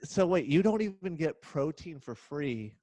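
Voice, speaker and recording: A man's voice: a little high, sing-song, unhurried, dark tone, no room sound. A man hosting a casual podcast over a video call, sarcastic and swearing freely. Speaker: podcast host.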